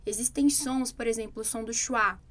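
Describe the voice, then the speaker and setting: A Brazilian woman who teaches English, speaking a little higher than average. She chats casually, backs up her co-host with quick agreement, and then expands on her own points. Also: a bit bright. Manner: agreeable, frequent short affirmations. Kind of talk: casual podcast chat.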